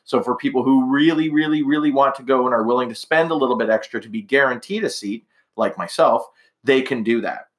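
A man's voice: medium pitch, fairly quick. A middle-aged man from Canada hosting a casual podcast monologue, rambling chattily and correcting himself in asides. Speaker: podcast host.

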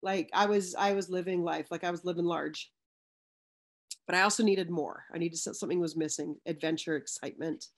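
A woman's voice: fairly low pitch, fairly even intonation, fairly quick. A woman as an interview guest, speaking earnestly in a casual chat, with frequent restarts and fillers.

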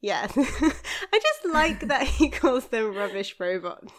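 A woman's voice: on the high side, very animated, slow pace. Chatty woman hosting a casual quiz. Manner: chatty, laughs often. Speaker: quiz host.

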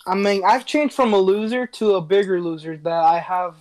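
A man's voice: sits high, normal speed, darkish tone. A young man in casual chat with a friend, laid-back and joking, sometimes searching for the right word.

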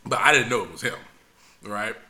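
A man co-hosting a casual podcast, telling stories with loud acted-out voices. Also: lowish voice, brisk, echoey room. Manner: animated storyteller, acts out yelling voices. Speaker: podcast co-host.

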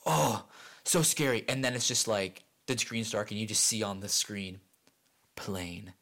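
Animated young man chatting on a podcast. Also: normal speed, vocal fry. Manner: animated, jumps in pitch for emphasis, playful. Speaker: podcast co-host. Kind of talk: casual chat.

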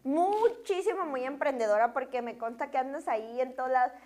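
Woman, Mexican accent, very high voice, interview host, informal and encouraging, casual conversation. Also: a little fast, a little mellow. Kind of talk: casual chat.

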